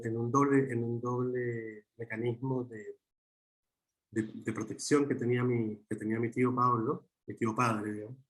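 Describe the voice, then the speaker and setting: Reflective man, halting speech. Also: medium pitch, darkish tone. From Chile. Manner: halting, many restarts and fillers. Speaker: guest filmmaker. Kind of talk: reflective interview talk.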